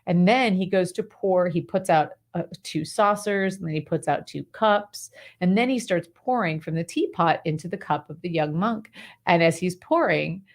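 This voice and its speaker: A woman guest giving advice in an interview conversation. She speaks as an animated, breezy storyteller and often uses fillers like "like" and "right". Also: fairly low pitch, moderate pace. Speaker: clarity coach guest.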